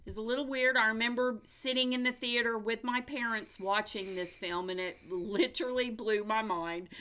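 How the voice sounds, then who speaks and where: A woman's voice: a little high, steady tone, moderate pace, sharp tone. An American woman hosting a casual movie news chat in an upbeat, chatty, folksy way. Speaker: movie podcast host.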